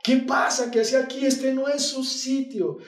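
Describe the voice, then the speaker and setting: A man's voice: extremely high pitch, expressive, takes it slowly, darkish tone, full character voice. A preacher voicing God as a fatherly questioner. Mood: urgent, questioning. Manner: urgent, repeated questioning. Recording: echoey room heard from a distance.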